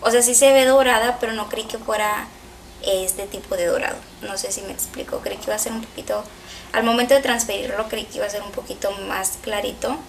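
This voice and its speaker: A woman chatting excitedly through a makeup tutorial, thinking aloud as she works. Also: mid-range voice, brisk, creaky, recorded from a distance, a little hiss or hum. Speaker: makeup vlogger.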